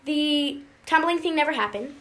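A woman with a high voice chimes in during casual storytelling with friends. She speaks a little hesitantly, trailing off at the ends of her thoughts. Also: lively intonation, normal speed, a bit bright.

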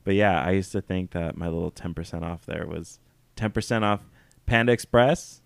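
A man's voice: sits low, moderate pace, gravelly, no room sound. A man co-hosting a podcast in casual chat, telling stories in a brash, profane way and laughing often. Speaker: podcast co-host.

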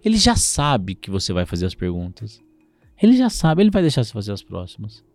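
A man's voice: lowish voice, a little fast, no echo, faint music behind. A man from Brazil, a lawyer in a conversational interview, acting out courtroom exchanges as he explains. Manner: animated, acts out courtroom exchanges.

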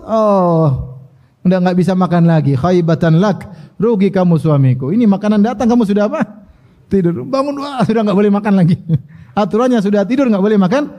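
A man's voice: sits high, mellow. A middle-aged man giving an Islamic study lecture, reciting Arabic passages, translating them and telling the story with questions to his listeners. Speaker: Islamic preacher.

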